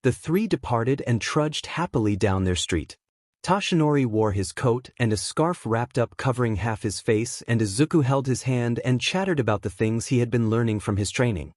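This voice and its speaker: Male narrator, mid pitch, dry close sound, steady story reading. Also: moderate pace, no echo.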